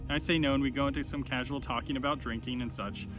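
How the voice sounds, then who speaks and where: A man in his thirties with a medium-pitched voice speaks over music. He moves between reading personal writing aloud and casual commentary, sounding candid, reflective and a little self-conscious. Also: steady tone, fast talker. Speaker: vlogger. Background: background music.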